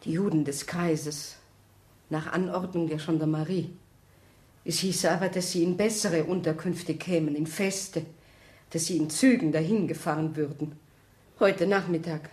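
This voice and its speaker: An actress playing a young woman courier in a radio drama, speaking in a hushed, flat, reporting manner. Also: deep voice, unhurried. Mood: numb. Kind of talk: 1960s-style radio drama acting.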